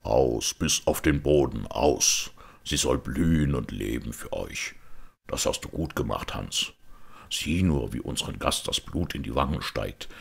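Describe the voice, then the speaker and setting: Brooding outlaw knight, middle-aged, husky and rough, a man reading him; solemn storybook nobleman. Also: lively intonation, exaggerated voice. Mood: hearty. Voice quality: deep gravelly rasp. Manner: solemn, weighty, slow delivery. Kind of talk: audiobook character voice.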